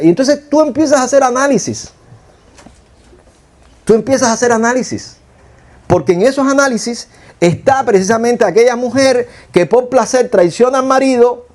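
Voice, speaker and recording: High-voiced Cuban preacher, mellow tone. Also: male voice. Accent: Cuban Spanish. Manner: storytelling with rhetorical questions. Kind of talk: sermon.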